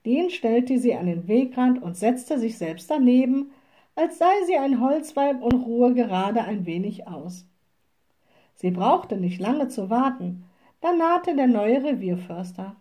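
A woman reads a children's storybook aloud, slow and unhurried. Her voice sits fairly high but sounds soft and mellow. The delivery is calm and clear. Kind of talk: read-aloud storybook narration.

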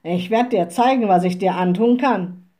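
A gruff, hot-tempered forest ranger from a storybook, as a woman reader puts him on. He barks in a lowered, loud voice, slow and dark in tone. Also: close to an everyday voice. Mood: angry gruff.

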